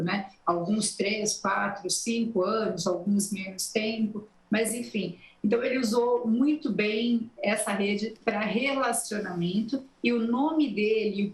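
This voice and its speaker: A journalist and election marketing consultant answering interview questions in an explanatory, steady way, with a Brazilian accent from the São Paulo interior. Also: female voice, on the high side, roomy sound, rough recording. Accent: São Paulo interior Brazilian Portuguese. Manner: explanatory, steady, many "né" tags.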